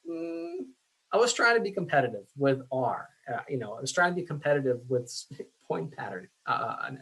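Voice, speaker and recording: A man teaching statistics in a casual, self-deprecating way, with many fillers, his voice going hoarse. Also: medium pitch, fairly bright tone, poor audio. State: losing his voice. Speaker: statistics instructor. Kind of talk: screen-share lecture.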